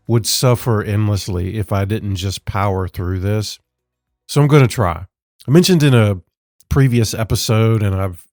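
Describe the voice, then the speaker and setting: A man hosting a book podcast in a casual, sarcastic monologue, sounding rough from being sick. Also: lowish voice, darkish tone, dry recording, studio quality. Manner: sarcastic, self-deprecating, conversational. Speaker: podcast host.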